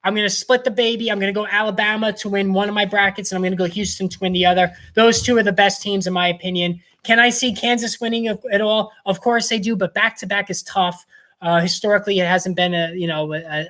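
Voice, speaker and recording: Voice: medium pitch, fairly even intonation, quick pace, a bit bright. Casual sports predictions host, confident picks, lots of uh and you know, talks in loose restarts. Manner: rambling, many fillers and restarts. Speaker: sports bracket analyst host.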